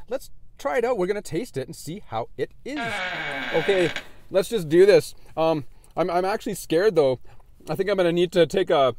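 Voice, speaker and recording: A man chatting casually while reviewing fast food in his car, animated and laughing often. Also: high-pitched, background noise. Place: in a parked car.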